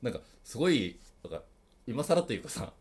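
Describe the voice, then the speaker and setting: Dude needling his co-host deadpan, lively pitch. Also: brisk. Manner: teasing, deadpan provoking. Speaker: podcast co-host. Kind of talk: casual banter.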